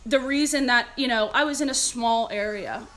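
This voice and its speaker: A woman with a Californian American accent and a fairly high voice speaks straight to her live stream audience. She sounds earnest and emphatic, like someone giving a motivational talk, but keeps it conversational. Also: moderate pace, a bit bright, soft background music. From California, United States. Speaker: fitness leader and live streamer.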